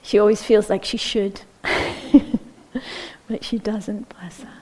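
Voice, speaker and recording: A woman meditation teacher giving a gentle, unhurried dharma talk, often checking in with "yeah?" and sometimes dropping to a near-whisper. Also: mid-range voice, fairly even intonation, husky, rough recording.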